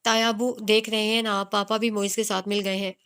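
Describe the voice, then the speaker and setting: Proud, quick-tempered young heroine, read by a woman narrator, clear, steady. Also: medium pitch, close to an everyday voice. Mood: indignant.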